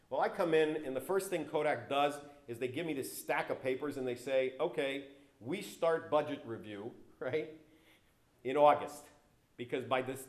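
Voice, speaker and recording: In an event hall full of listeners, a guest speaker with a low voice shares business stories, his pitch and volume leaping on key words. He speaks animatedly into a handheld or stand mic, occasionally moving off it. The hall's echo is audible throughout.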